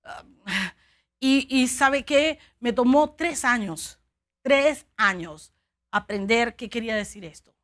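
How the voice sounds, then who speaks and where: A woman from Cuba delivers a sermon, weaving in a personal testimony. She speaks in an earnest, halting way, restarting phrases often. Her voice sits a little high for a woman. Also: a bit bright. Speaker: preacher.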